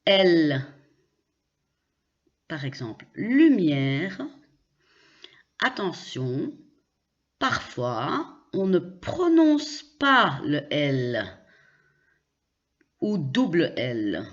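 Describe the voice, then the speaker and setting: A woman's voice: low voice, huge pitch swings, drawn-out words, long pauses, lo-fi sound. A woman teaching French pronunciation, spelling out letters and carefully repeating example words. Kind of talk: slow pronunciation lesson.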